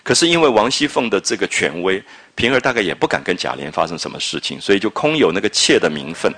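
A man with a very low voice teaches literature. He retells a scene step by step and adds his own remarks. He often turns to his listeners with a quick question. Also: big pitch swings, pushed and bright. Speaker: literature lecturer. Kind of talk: storytelling lecture.

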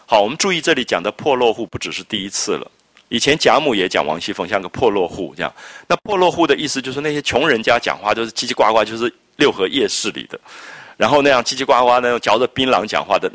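A man giving an animated classroom lecture on a classic novel, explaining and reading out quoted dialogue. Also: medium pitch, fast talker, dry recording. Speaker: literature lecturer.

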